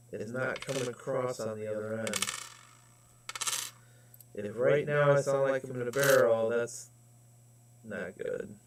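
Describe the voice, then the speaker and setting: A man chatting with viewers on a live stream, his voice hollow and echoey as if inside a barrel. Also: mid-range voice. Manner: chatty, talks to viewers in the chat. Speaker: coin roll hunting livestreamer. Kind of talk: casual live stream chat. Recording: echoey and far from the mic, faint noise.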